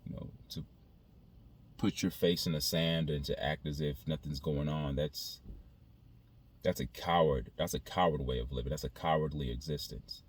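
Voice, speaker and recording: A man speaking in a casual, reflective monologue to his viewers, haltingly, repeating phrases as he thinks aloud. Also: very deep voice, steady tone. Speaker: video creator.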